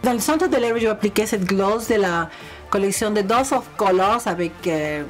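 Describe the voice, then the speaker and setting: A young woman with a non-native French accent talks viewers through a makeup tutorial in a relaxed, chatty way. She addresses them fondly and breaks into gushing exclamations. Faint music plays underneath her voice. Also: medium pitch, normal speed. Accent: non-native speaker of French. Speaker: beauty vlogger.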